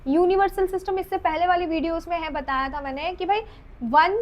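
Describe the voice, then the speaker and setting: A woman with an Indian accent teaching a dental anatomy lecture. She reads English lines slowly, then explains them in Hindi with questions to the class, and counts teeth aloud under her breath. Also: extremely high pitch, fairly even intonation, dull audio. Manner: counts teeth aloud while drawing, trailing off softly. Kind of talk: exam-oriented lecture.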